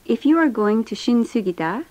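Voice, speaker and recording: A woman reading a recorded onboard train announcement in a clear, formal manner. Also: on the high side, expressive, a little slow, a little mellow, no room sound.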